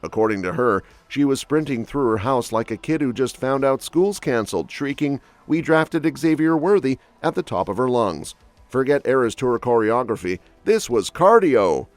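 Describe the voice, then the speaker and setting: A man's voice: mid-range voice, very animated, moderate pace, no room sound. A man reading scripted entertainment gossip narration with a snarky, quip-heavy delivery. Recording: dry voice-over with soft music bed.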